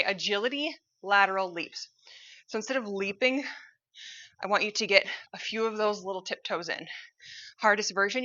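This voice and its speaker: Bright, upbeat woman coaching a workout. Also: mid-range voice, muffled recording. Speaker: fitness instructor. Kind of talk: cueing a workout while exercising.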